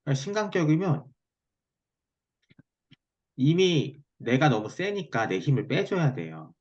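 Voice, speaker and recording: A man teaches one-on-one, explaining point by point and checking that he is followed. His pitch moves in a lively way. The sound is dull and lo-fi, as from a video call. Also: measured pace. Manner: checks listener's understanding often. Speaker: fortune-telling teacher giving a lesson. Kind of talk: explanatory one-on-one online lesson.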